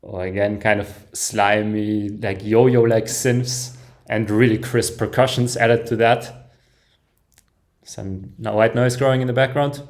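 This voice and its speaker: A man reacting live to an album, commenting enthusiastically with soft "ooh"s and chuckles, often breaking off and restarting sentences as he listens. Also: fairly low pitch, fairly even intonation, slow. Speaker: music reaction host.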